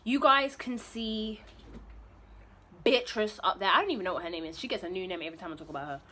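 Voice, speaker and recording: Girl vlogging from her bedroom on her phone, rambly and open, talking with food in her mouth, bright sharp voice. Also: medium pitch, quick pace, slight background noise. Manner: rambling, candid, talks while eating. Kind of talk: casual vlog chat. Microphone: phone camera.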